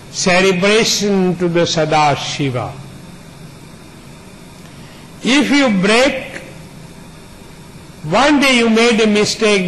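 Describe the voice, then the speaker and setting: A man with a noticeably high, somewhat bright voice delivers a spiritual discourse to an audience, speaking very slowly and deliberately. He is earnest and unhurried, building long, repeated lists of words, while a faint hiss runs beneath the low-quality recording.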